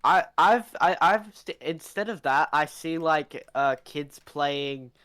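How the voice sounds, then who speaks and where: Laid-back young man, slightly high voice. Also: slow, fairly bright tone. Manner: laid-back, stammers at starts of sentences. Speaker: co-host. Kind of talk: casual chat.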